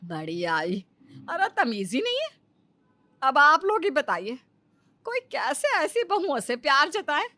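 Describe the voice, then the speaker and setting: A woman voicing a sharp-tongued bossy mother-in-law. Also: high voice, huge pitch swings, unhurried, no echo, full character voice. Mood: indignant. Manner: scolding, taunting. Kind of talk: cartoon story acting.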